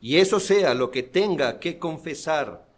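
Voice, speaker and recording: Guy pastor giving a sermon in church, kinda high voice, gets intense and emphatic. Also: expressive, unhurried. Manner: earnest, building to forceful emphasis.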